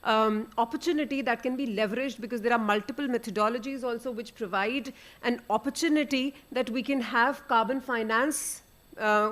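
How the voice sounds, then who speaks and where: A woman explaining a concept fluently as a panelist. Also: on the high side.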